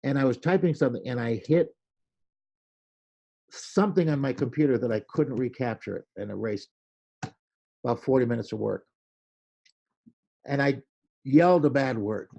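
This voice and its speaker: A man telling animated stories in a casual interview, acting out quoted lines with a loud voice. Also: mid-range voice, moderate pace, gravelly, pauses often, highs cut off. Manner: animated storyteller, acts out quoted lines loudly. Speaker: podcast guest, creativity speaker.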